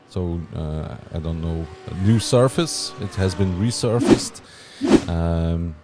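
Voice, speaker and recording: Deep-voiced man, hesitant commentary. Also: a little hiss or hum. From Belgium. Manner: hesitant, many uhs, laughs softly. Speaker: sim racing commentator. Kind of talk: live race commentary and banter.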